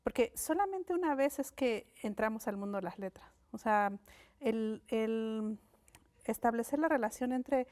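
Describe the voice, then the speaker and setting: This Mixe (Ayuujk)-speaking woman from Mexico, a writer and linguist, is interviewed as a guest on a studio set in an unhurried, thoughtful conversation full of fillers and restarts. She sounds animated, with a fairly high, slightly mellow voice.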